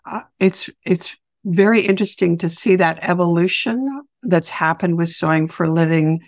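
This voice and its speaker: A woman interviewing a guest, with a raspy morning voice, affirming and searching for words as she talks. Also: fairly low pitch, normal speed, no echo, studio quality. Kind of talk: interview conversation.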